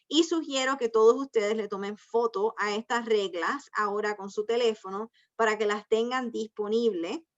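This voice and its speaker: Speaking at a moderate pace with hardly any pauses, a woman with a voice on the high side teaches ESL online, patiently laying out rules step by step in a blend of Spanish and English. The video call recording is dull and lo-fi.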